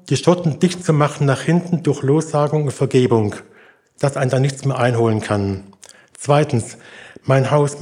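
A man's voice: medium pitch, dark tone. An older man preaching a sermon in an earnest, encouraging way, acting out the voices in a story he tells.

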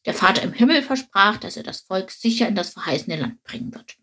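A woman voicing a proud, grumpy old male dung beetle who speaks gruffly and explains things patiently. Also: mid-range voice, very animated, fairly quick, sharp tone, heavily acted. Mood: explaining. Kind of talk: storybook reading.

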